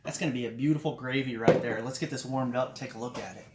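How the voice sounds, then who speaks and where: A man's voice: medium pitch, fairly even intonation, quick pace, very noisy. A man hosting his own cooking video, chatty and upbeat, talking through each step at an outdoor grill. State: eyes runny from grill smoke. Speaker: cooking channel host. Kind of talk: casual cooking how-to vlog.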